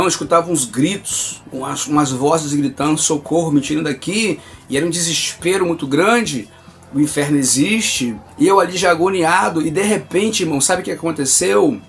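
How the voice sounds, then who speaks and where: A man with a Brazilian Portuguese accent giving an earnest, emphatic religious testimony and calling his listeners brother. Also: on the high side.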